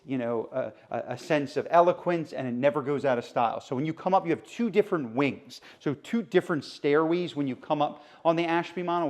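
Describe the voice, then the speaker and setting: A man speaking as a gushing, enthusiastic real estate agent, giving a walk-through sales pitch of a home. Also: darkish tone. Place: indoors, walking through a house.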